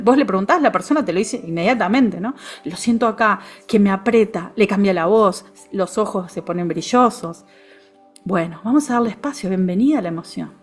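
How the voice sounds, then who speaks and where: A woman with a Rioplatense Spanish accent, a therapist guest explaining things in a calm, reflective way, often ending her phrases with a questioning tag. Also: mid-range voice. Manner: calm, reflective, frequent "¿no?" tags. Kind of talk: conversational explanation.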